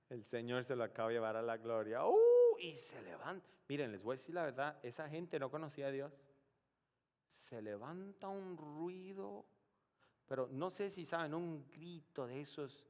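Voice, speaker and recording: A male pastor preaching a sermon, telling a story dramatically, dropping to a hush and then rising to shouts. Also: a little high, animated, moderate pace, in a large hall. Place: church.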